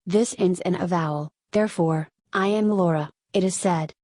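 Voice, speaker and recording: A woman's voice: on the low side, moderate pace, dry recording. Spanish-accented woman teaching grammar, dry. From Spain. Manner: steady, step-by-step explaining. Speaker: Korean language teacher. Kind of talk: scripted lesson narration.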